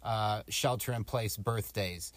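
A man's voice: on the low side, slow, no echo. A man co-hosting a podcast in casual, informal chat, musing and rambling as he goes, recorded in a small closet. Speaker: podcast co-host giving astrology forecasts. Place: small closet at home, door slightly open.

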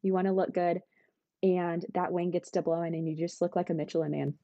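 A young woman with a mellow, lowish voice chats as a podcast guest. She is upbeat, giggles often and fills her talk with "like". The recording is dry and a little dull. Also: steady tone, a little fast, no echo. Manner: giggly, upbeat, says "like" a lot. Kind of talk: casual chat.

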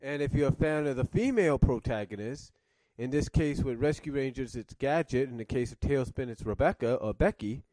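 A man's voice: mid-range voice, fairly quick, hardly any pauses, dark tone, dry recording. A man reviewing cartoons in casual commentary, rambling and circling back to rephrase, coughing now and then with a cough drop in his mouth.

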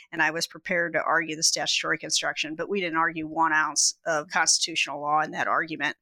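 A woman's voice: deep voice, bright, forceful tone, no room sound. A woman who is an appellate lawyer, giving earnest, practical advice in a conversational podcast.

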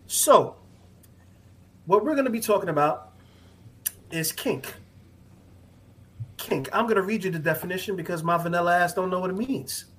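A man's voice: high voice, moderate pace, long pauses, fairly bright tone. A man hosting a podcast in casual chat, joking and profane and laughing often. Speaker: podcast host.

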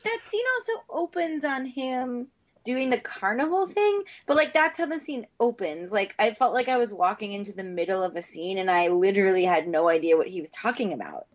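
A woman's voice: mid-range voice, expressive, a little fast. A woman co-hosting a casual movie podcast, often breaking into helpless laughter as she talks. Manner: giggly, keeps breaking into laughter. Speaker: podcast co-host.

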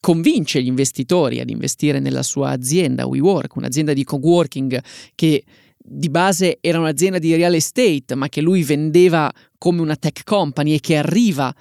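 A man's voice: fairly high pitch, normal speed, vocal fry, a little mellow, no echo, clean studio sound. A man co-hosting a podcast, telling stories in a casual, conversational way. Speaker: podcast co-host. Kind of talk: casual storytelling podcast talk.

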